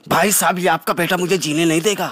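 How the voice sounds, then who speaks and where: A man's voice: sits high, fairly even intonation, quick pace, fairly bright tone, no echo. A man acting an exasperated uncle who complains to his older brother in a comedy skit. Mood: aggrieved. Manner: aggrieved, complaining. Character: fed-up younger brother, whiny and exasperated.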